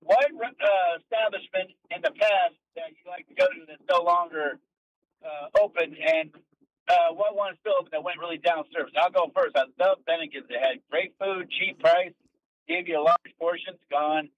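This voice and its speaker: A man's voice: sits high, normal speed. A man calling in to a talk show on a bad phone line that sounds like he's in a tunnel, chatting loosely with lots of "uh" fillers. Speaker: caller. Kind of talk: casual call-in chat. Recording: muffled echoing phone line.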